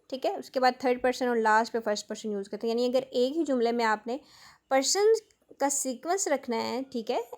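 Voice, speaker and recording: A woman with a fairly high voice, teaching an exam-prep grammar lesson. She walks through each rule step by step and mixes English grammar terms into her explanations. She reads out each English example sentence slowly and with care. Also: a little mellow. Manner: explains step by step, often checking in with a tag word; explains in Hindi-Urdu mixed with English terms.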